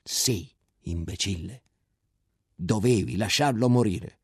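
A man voicing a scornful, furious army lieutenant who shouts insults at a soldier. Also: on the low side, slow, husky, no echo, clean studio sound, pitched above the performer's own voice, exaggerated voice.

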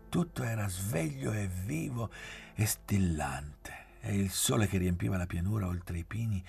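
A man reading a novel aloud as an audiobook, in a measured, expressive manner. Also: low-pitched, vocal fry. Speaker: reader.

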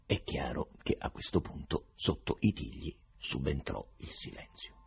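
A man reading a novel aloud as an audiobook narrator, expressive and measured. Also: very deep voice, vocal fry, husky. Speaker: audiobook reader.

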